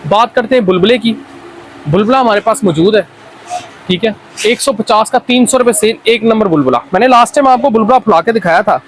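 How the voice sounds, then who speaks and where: A Pakistani man pitches wholesale goods in a high-set voice. His delivery is an off-the-cuff hard sell that insistently repeats itself. Light urban noise with traffic sits behind him. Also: a little fast, low-quality recording. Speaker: wholesale toy seller presenting stock.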